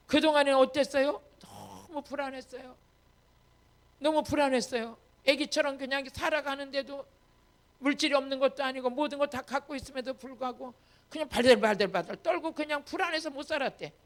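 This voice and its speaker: Woman pastor, high voice, emphatic sermon with repeated calls to the congregation. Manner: acts out quoted dialogue in changing voices. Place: church retreat hall, online service.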